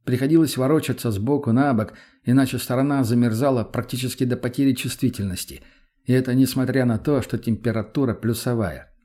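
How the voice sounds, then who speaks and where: A man's voice: medium pitch, brisk, mellow. Man reading a first-person audiobook. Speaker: audiobook narrator.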